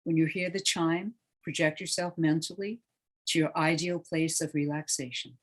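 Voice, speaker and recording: Meditation guide, guided relaxation read, hushed and soothing, trails off softly, mid-pitched. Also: fairly even intonation, poor audio. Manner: slow, soothing, hushed delivery.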